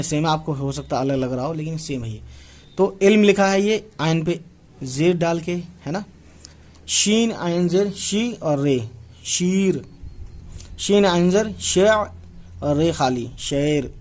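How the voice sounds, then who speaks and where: A young man in his twenties gives a writing lesson, spelling letters out one by one and repeating himself with patience. His voice sits a little high for a man. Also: darkish tone. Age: 20s. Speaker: Urdu teacher.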